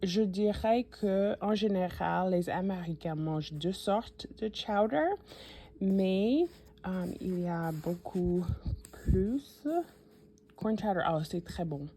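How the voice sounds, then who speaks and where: Low, slow, dark and a bit rough, the voice belongs to a cooking vlogger from suburban New York, a native speaker with an American accent. She guides her audience through a cookbook in a relaxed video, hesitating a lot, filling pauses and correcting herself along the way.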